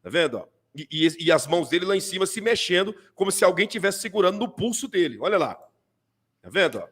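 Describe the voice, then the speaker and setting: A man with a Brazilian Portuguese accent, a pastor commenting on video clips during a live stream, animated and full of repeated fillers. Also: high voice, fast talker, husky.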